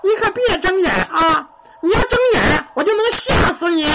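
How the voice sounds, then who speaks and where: A man's voice: extremely high pitch, very animated, normal speed, gravelly, noisy background, pitched above the performer's own voice, heavily acted. A man voicing a creepy ghost child with a bloody mouth, taunting. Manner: taunting, singsong. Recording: muffled lo-fi recording.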